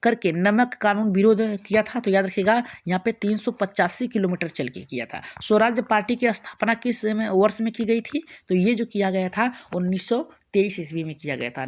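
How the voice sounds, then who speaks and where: A woman teacher with a Bihari Hindi accent, running an exam-prep lesson as rapid question-and-answer drills, often restarting her words. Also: mid-range voice.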